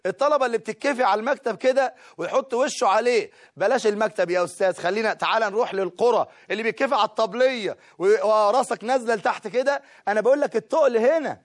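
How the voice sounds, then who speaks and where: Egyptian man, teacher, very high voice, rapid-fire, lively, laughing often. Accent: Egyptian Arabic. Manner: lively, addressing students directly, laughs often. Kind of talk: study-skills talk to students.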